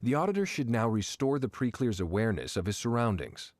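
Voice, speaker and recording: A man giving a scripted instructional narration, explaining each step clearly. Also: mid-range voice, big pitch swings, brisk, no room sound.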